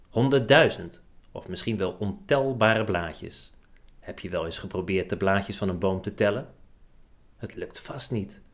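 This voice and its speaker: A man narrating a children's storybook chapter aloud in a gentle, expressive storytelling manner. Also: lowish voice.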